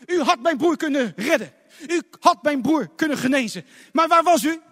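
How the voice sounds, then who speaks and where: A man voicing a grieving, indignant woman who pleads loudly and reproachfully with her Lord. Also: very high-pitched, lively intonation, normal speed, voice pushed up, full character voice. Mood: anguished reproach. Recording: long hall reverb.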